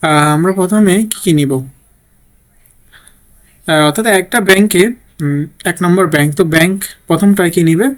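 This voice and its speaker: A man's voice: sits high, moderate pace, long pauses. A man teaching a programming lesson while typing code, thinking aloud and often checking in with "okay?". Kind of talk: screen-recorded coding tutorial.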